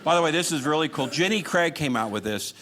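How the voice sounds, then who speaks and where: A man's voice: fairly high pitch, expressive, fast, fairly bright tone. A man doing live stand-up comedy with a dry, sarcastic lilt, talking to his audience. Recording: noisy live comedy show recording. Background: audience laughter and noise.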